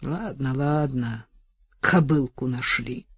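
A woman's voice: very deep voice, takes it slowly, slightly rough, dry recording, pitched below the performer's own voice, exaggerated voice. A woman reading an audiobook voices a young bride who mutters bitter, defiant thoughts and vows.

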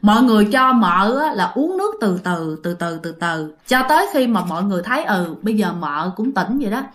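Speaking briskly and with great animation, a medium-pitched woman recounts a ghost story in a conversational style. She frequently addresses her listeners directly and leans on plenty of filler words.

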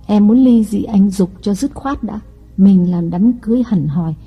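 Storybook scheming wife voiced by a man: wheedling, coy, husky, lo-fi. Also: sits high, moderate pace, faint music behind, pitched above the performer's own voice. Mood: coaxing. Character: young scheming wife, coaxing and sly.

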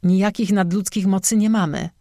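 Rough, fretful coastal fisherman, read by the narrator; plain speech, dry sound. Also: mid-range voice, steady tone, normal speed, mellow, no echo, natural voice. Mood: glum. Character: blunt worried fisherman.

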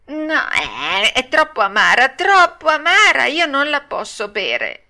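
A woman reading an audiobook and voicing a stubborn, whiny wooden puppet boy in a shrill, pleading tone. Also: huge pitch swings, takes it slowly, sharp tone, full character voice. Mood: whining. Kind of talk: audiobook read-aloud.

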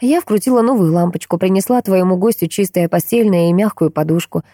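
A woman voicing a young, compassionate but stubborn daughter who speaks quietly and evenly. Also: lowish voice, brisk, dry recording, clean studio sound, close to an everyday voice. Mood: calm. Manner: quiet, even, gently defiant.

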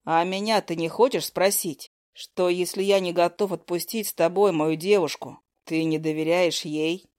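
A protective young healer , played by a woman, speaks in a lowered, steady voice. He is tender with his girlfriend but blunt with his rival, and the sound is close and dry. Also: moderate pace, hardly any pauses, dry recording, lightly acted. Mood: defiant.

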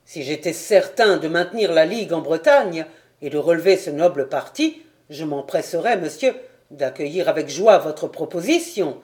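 A woman voicing a weary, stern nobleman commander in a storybook reading, speaking gravely and with reproach. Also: sits low, expressive, moderate pace, a little mellow.

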